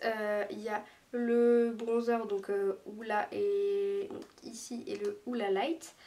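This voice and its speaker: A woman's voice: on the high side, a little mellow. A woman reviewing makeup in a casual, chatty way, hesitating often as she talks. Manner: chatty, hesitant, lots of small pauses. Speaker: beauty vlogger. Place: room lit by daylight. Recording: voice a bit far from the mic.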